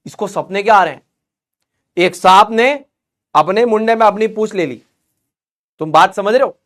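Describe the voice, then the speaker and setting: A man's voice: high-pitched, normal speed. A young man teaching an online chemistry class in a chatty, joking way, mixing explanations with banter aimed at students.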